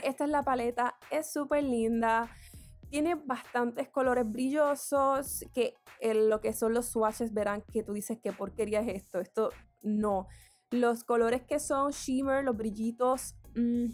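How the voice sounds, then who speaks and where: A woman beauty vlogger talking candidly and chattily as she does her makeup, explaining each step. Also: a little high. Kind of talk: get-ready-with-me makeup tutorial chat.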